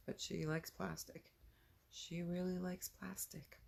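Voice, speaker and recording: Low gravelly-voiced woman vlogging at night. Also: darkish tone. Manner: chatty, rambling, drops to whispers outdoors. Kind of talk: casual late-night vlog. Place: home then outdoors at night by a driveway.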